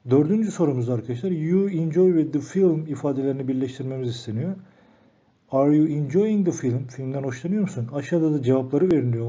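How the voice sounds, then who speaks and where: Man, grammar teacher, very dark tone, reads example sentences slowly, dull lo-fi sound. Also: fairly high pitch. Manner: slows down to read English examples aloud. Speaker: English teacher. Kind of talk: grammar lesson. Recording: dull lo-fi recording.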